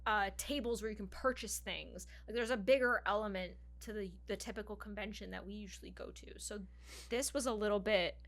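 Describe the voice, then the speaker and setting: A woman co-hosting a podcast in casual chat, animated, laughing often and repeating herself. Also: medium pitch, brisk. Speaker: podcast co-host.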